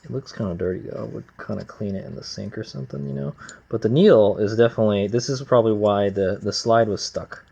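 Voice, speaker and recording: A man talking casually and plainly like a gruff home mechanic while working at his bench, with slangy, unpolished asides. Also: fairly low pitch, fast, warm tone. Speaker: amateur motorcycle mechanic, vlog host. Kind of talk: casual hands-on workshop narration. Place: workbench, close to the camera. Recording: slightly dull, lo-fi camera audio.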